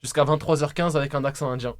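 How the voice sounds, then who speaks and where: A man's voice: medium pitch, steady tone, fast, clean tone, dry recording, clean studio sound. A young man hosting a live stream, teasing his guest and laughing often. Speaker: host.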